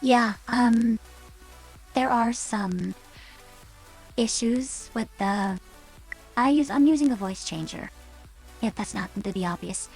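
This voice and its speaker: A woman's voice: a little high, takes it slowly, long pauses, a little mellow, faint music behind, low-quality recording. A woman VTuber chatting casually on stream through a staticky voice changer that cuts out, rambling with hesitant fillers.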